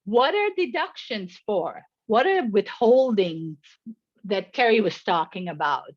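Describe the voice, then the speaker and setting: Slow, measured middle-aged woman presenting. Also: mid-range voice, sing-song, no room sound, lo-fi sound. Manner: measured, reads prepared remarks. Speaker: insurance agent presenting a webinar. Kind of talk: scripted presentation.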